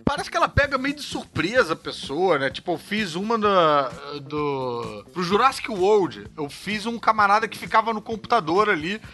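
A man talking in a relaxed chat, his voice bright and fairly high. He tells anecdotes in an animated way, full of quick asides. His pitch rises and falls a lot. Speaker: actor and voice actor guest. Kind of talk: casual conversation.

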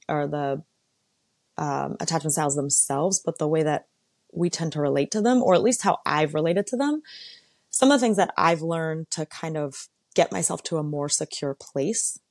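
A woman with a low voice hosts a casual solo talk, candid and conversational with a sarcastic edge. The sound is dry and close, with no room around it. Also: darkish tone, no room sound. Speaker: podcast host. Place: lives in San Diego.

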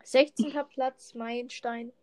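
A woman's voice: a little high, steady tone, measured pace, a little mellow, dry recording. A woman co-hosting a casual podcast chat, teasing and mocking her partner in a dry way. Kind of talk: casual chat while opening in-game rewards.

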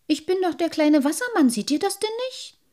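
Woman doing a high, curious little water sprite. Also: sing-song, a little fast, warm tone. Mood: puzzled. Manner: eager, wondering questions. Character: small curious male water sprite, stubborn. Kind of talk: audiobook character reading.

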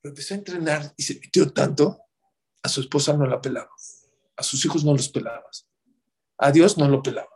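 A man giving a sermon in a Mexican Spanish accent, telling stories in a lively way that swings from loud bursts to hushed asides. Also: on the high side, fairly quick, gravelly, pauses often.

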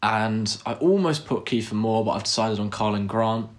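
A man with a fairly low voice runs through his football predictions in a plain, matter-of-fact way. It is a relaxed, casual chat between pundits. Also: normal speed.

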